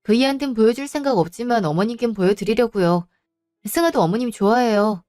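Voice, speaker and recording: Woman doing a fed-up wife, sharp and scolding, kinda high natural voice, dry close sound. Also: expressive, fast, no room sound, soft background music, close to an everyday voice. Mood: firm. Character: firm, angry wife and mother. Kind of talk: storybook voice acting.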